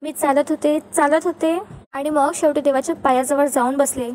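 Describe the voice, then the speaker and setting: A young wife pleading through put-on tears, read by a woman. The voice is high, with a faint hiss of background noise. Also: fairly even intonation, moderate pace, a little mellow, close to an everyday voice. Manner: pleading, tearful.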